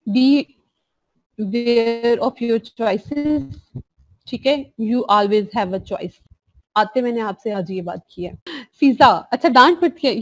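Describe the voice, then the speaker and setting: A woman's voice: fairly high pitch, no room sound. A woman, a clinical psychologist giving a live online course in a chatty, casual way, dropping in English phrases. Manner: chatty and warm, mixing in English phrases, reading out chats.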